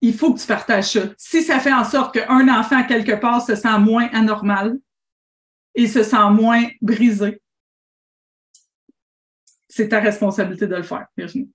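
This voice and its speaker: A woman with a Québécois accent, a business coach hosting a call-in show, talking in an animated, rambling way full of restarts. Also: on the high side, measured pace, long pauses, reverberant. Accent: Québécois French. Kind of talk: casual call-in coaching talk.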